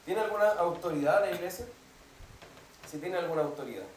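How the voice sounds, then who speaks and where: A man preaching a teaching sermon, his voice a touch high and carried from afar across a reverberant church hall. He lays out doctrine patiently, pausing again and again to ask whether his listeners follow. A faint hum of the room sits beneath his words. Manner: explanatory, keeps asking "¿cierto?" to the congregation. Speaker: pastor. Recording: echoey hall, mic at a distance.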